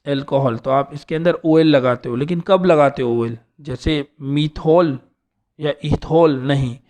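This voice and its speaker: A man's voice: medium pitch, normal speed, a little mellow. A man teaching an organic chemistry lesson, explaining step by step and often checking in with his students. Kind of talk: classroom lecture.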